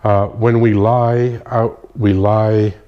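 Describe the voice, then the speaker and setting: Male practitioner, lowish pitch, congested and nasal, explanatory, restarts his sentences. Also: flat delivery, slow pace, lo-fi sound. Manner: explanatory, stops to correct himself. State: nasal from a sinus infection. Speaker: kinesiology practitioner. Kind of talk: casual spoken demonstration. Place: indoor room at night, dim light. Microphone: phone.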